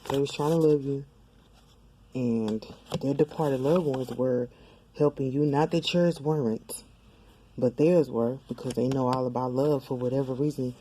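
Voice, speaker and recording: Casual tarot reader talking to the cam, mellow voice, lots of "like", rambles and acts out little voices. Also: mid-range voice, steady tone, a little slow, slight background noise, low-quality recording. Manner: loose, colloquial and rambling, with many "like" fillers; talks straight to the viewer and acts out quoted voices. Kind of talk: casual tarot reading to camera. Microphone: camera mic.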